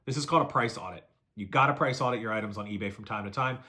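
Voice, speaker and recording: A man giving brisk step-by-step selling advice in a casual video, listing steps and repeating them. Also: lowish voice, pushed and bright. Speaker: reseller giving selling tips. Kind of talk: fast casual how-to talk to camera.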